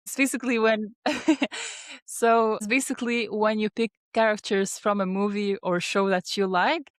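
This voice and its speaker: Steady and unhurried in a mid-range voice, a young woman from Tunisia whose native language is Arabic chats as a guest in a relaxed interview; she is a dental student and ghostwriter. The dry studio recording captures her talkative manner, with frequent laughs and lots of fillers and false starts.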